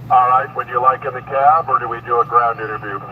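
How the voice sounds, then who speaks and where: A man's voice: medium pitch, fairly even intonation, quick pace, phone-quality sound, noisy background. Man on a walkie-talkie, clipped radio talk. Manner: clipped radio protocol, ends with "over". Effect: heard over a walkie-talkie radio.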